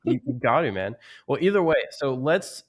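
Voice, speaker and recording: A man hosting a podcast, asking questions in a relaxed, curious way. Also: mid-range voice, moderate pace. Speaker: podcast host. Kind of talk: casual conversational interview.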